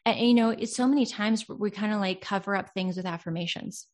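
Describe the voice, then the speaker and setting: An earnest woman in a relaxed podcast-style chat, talking through emotional healing with a reflective, searching tone. She often slows down to stress a point and acts out little quoted voices as she goes. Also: mid-range voice. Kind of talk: casual self-help chat.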